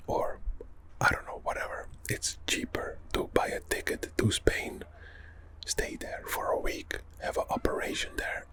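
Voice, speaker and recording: A young man from Europe speaks in a soft whispered ASMR voice that floats high and breathy. His talk is loose and chatty, dropping "like" and "man" as he goes, and the whisper swings freely up and down. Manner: casual, chatty, says "man" and "like". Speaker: ASMR channel host.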